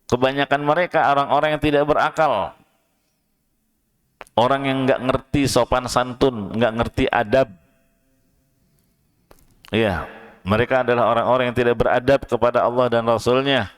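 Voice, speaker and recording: A man's voice: medium pitch, fairly even intonation, clear, resonant tone. A man with an Indonesian accent teaching a study session in a mosque. He explains in plain everyday speech and often checks in with his listeners. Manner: chants verses slowly, then raises his voice to act out the shouting. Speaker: Quran teacher.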